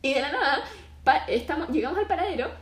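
A woman's voice: high voice, fast talker, echoey room. A young woman with a Chilean accent telling funny stories in a casual chat, acting out voices as she goes. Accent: Chilean Spanish. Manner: animated, acts out voices while telling stories.

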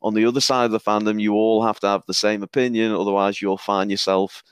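A man's voice: on the low side, level tone, fast talker, clean tone. A man with a Northern English accent hosting a podcast, chatty and casual, often repeating words as he talks. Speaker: podcast host.

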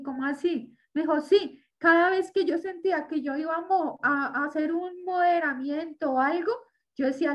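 A woman's voice: high-pitched, muffled recording. A woman sharing a personal religious testimony as an interview guest, telling a story and acting out what people said. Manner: storytelling with re-enacted quotes.

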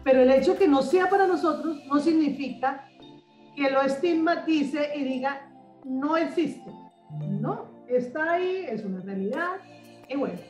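A woman's voice: sits high, expressive, measured pace, a little mellow, echoey room, far from the mic, soft background music, rough recording. A woman in her fifties from Colombia, a guest author speaking eagerly in a radio interview, often repeating words as she searches for them. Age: 50s.

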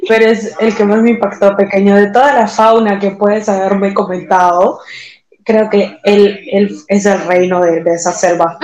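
A woman's voice: medium pitch, level tone, moderate pace, a crowd in the background. A young woman with a Peruvian Spanish accent co-hosting a podcast, trading playful, teasing banter in casual chat. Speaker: podcast co-host. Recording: roomy echo.

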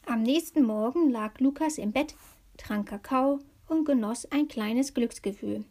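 A woman reading a children's story aloud in a calm, unhurried storytelling manner. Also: a little high. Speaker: narrator.

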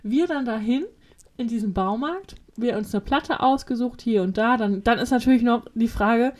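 A woman's voice: fairly high pitch, moderate pace, darkish tone. A young woman co-hosting a casual podcast chat, telling a story animatedly and acting out quotes. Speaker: podcast co-host.

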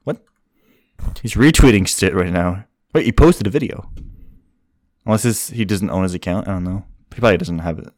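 A man's voice: deep voice, a little fast, long pauses, a little mellow, no room sound, clean studio sound. A young man co-hosting a casual podcast chat, rambling, swearing often and laughing. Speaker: podcast co-host.

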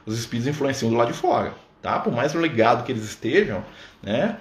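Quick-talking man teaching. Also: mid-range voice, big pitch swings. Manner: conversational, keeps checking in with "né?" and "tá?". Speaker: spiritist study leader. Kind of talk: informal religious teaching on a livestream. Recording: echoey room with faint background noise.

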